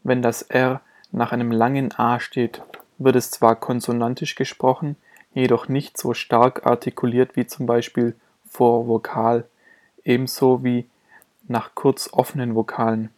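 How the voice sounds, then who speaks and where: Man, scripted pronunciation lesson, careful articulation, monotone delivery, unhurried. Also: mid-range voice. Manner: slow, even, carefully articulated reading. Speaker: pronunciation teacher.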